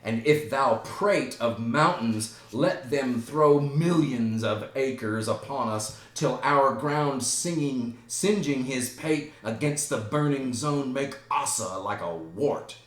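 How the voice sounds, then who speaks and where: A man voicing a grief-wild young prince, declaiming loudly and rising to outbursts. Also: fairly low pitch, expressive, unhurried, few pauses, echoey room. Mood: raging.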